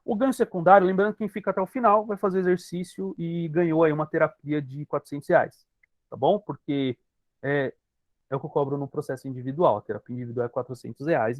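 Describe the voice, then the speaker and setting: High-voiced Brazilian man teaching a group. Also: fast, a little mellow, no echo. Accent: Brazilian Portuguese. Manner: emphatic, addresses listeners directly and repeats key points. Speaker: hypnotherapist. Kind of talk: teaching talk to an online group session.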